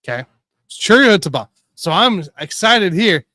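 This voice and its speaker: A man hosting a casual sports betting show, rambling and correcting himself as he tells excitable stories. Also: sits high, moderate pace, no echo, clean studio sound. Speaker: podcast host.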